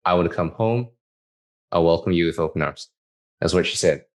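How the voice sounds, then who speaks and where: A man's voice: sits low, moderate pace. A man from Malaysia hosting a casual podcast interview, hesitant, with restarts and fillers. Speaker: podcast host.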